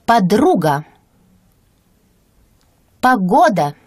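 A woman serving as the native-speaker model reader in a language lesson, pronouncing single words slowly with clear, deliberate enunciation. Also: mid-range voice, big pitch swings, a little mellow, no echo, studio quality. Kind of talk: slow careful word-by-word reading.

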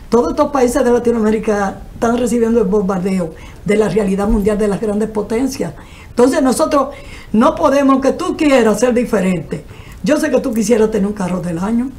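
A woman's voice: a little high, darkish tone. An older woman from the Dominican Republic with a Dominican Spanish accent, speaking earnestly as a guest on a TV panel show, recorded on a desk mic in a studio. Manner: earnest, gesturing, speaks in long explanatory runs. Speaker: guest, cultural manager. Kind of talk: TV panel discussion. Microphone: desk microphone.

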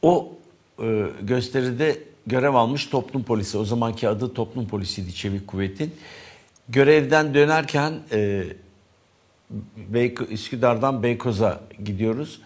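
A man hosting a morning news show, reading newspaper headlines aloud and commenting casually, with frequent pauses and fillers. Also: medium pitch. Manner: conversational, reads headlines aloud with hesitant fillers. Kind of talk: press review commentary.

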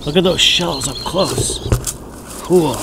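A woman's voice: sits low, takes it slowly, gravelly. A woman behind the camera on a beach gives cheerful, encouraging narration to young viewers as she films a child at play. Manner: cheerful, encouraging, talks to the kids watching. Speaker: parent filming a child's toy play. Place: outdoors on a shell-covered beach. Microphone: camera mic behind the lens. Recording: noisy outdoor audio with wind and water.

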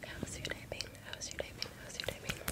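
Young woman whispering fast ASMR. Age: 20s. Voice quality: breathy unvoiced whisper. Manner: repeats words over and over, giving soft instructions. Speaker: ASMR creator. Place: small bedroom indoors.

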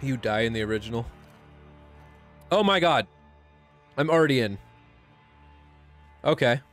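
A man streaming a game, talking casually and excitedly, rambling with restarts. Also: mid-range voice, a little slow, faint music behind. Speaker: gaming streamer. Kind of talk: casual gameplay commentary.

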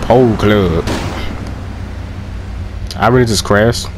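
A young man giving loud, profane, joking let's play commentary and laughing often. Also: on the low side, slow pace, noisy background. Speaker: gameplay commentator.

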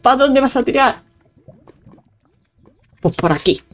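Playful Spanish woman gaming host, unhurried. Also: high voice, lively intonation. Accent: Spain Spanish. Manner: playful, chatty, talks to viewers while playing, mutters sound effects. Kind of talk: casual gameplay commentary.

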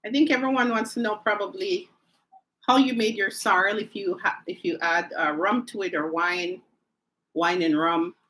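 A woman's voice: mid-range voice, steady tone, moderate pace, fairly bright tone, low-quality recording. A woman hosting a live stream from home, chatting casually, talking straight to her viewers and laughing often. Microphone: phone or camera mic on a live stream.

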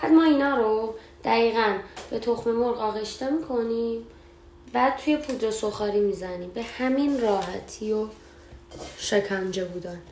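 A woman's voice: a little high, darkish tone. A young woman hosting a cooking show at home, chatting casually as she explains each step. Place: home kitchen. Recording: echoey kitchen, faint background noise.

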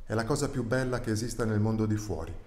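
A man's voice: lowish voice, fast, darkish tone, natural voice. A man reading aloud, voicing a weary old male rat who says a sorrowful goodbye. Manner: hesitant, heavy-hearted. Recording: roomy echo.

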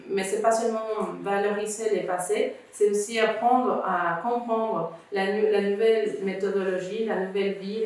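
A woman from Venezuela talks as an interview guest, earnest and methodical, laying out her points one by one. Her voice sits at a middle pitch. The recording sounds roomy and echoey, with the mic set some distance away. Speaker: guest, founder of a refugee student association. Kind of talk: conversational interview.

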